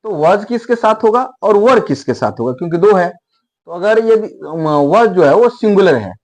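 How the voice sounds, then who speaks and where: A man teaching English grammar in a slow, repetitive classroom style, drilling the pronunciation of words over and over. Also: high-pitched, animated, a little mellow.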